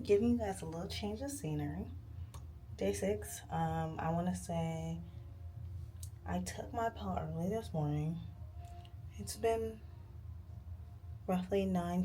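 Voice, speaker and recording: A woman's voice: lowish voice, background noise. A woman chatting casually to camera as a vlogger, candid, informal and slangy.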